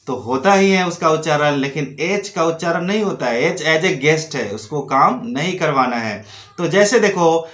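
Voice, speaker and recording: High-voiced man teaching in an echoey room. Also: fairly bright tone. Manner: explains step by step with rhymes and direct questions to students. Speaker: English teacher. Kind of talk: Hindi-language lesson on English pronunciation.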